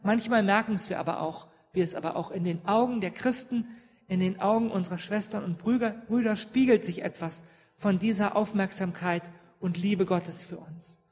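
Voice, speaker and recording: This sermon comes from a woman pastor with a mid-range, slightly mellow voice at normal speed. She often questions her listeners and checks in with "ja?", and the church recording carries a long reverb.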